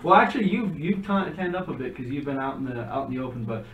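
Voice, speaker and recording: A man's voice: medium pitch, lively intonation, fast, reverberant, far from the mic, phone-quality sound, a little hiss or hum. A man narrating as game master of a tabletop game, describing things in a loose, conversational way.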